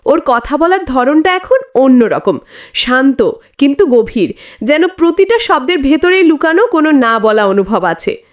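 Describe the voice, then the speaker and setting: A woman's voice: high-pitched, very animated, unhurried. A woman narrating a romantic story in the first person, with a dreamy, confiding manner.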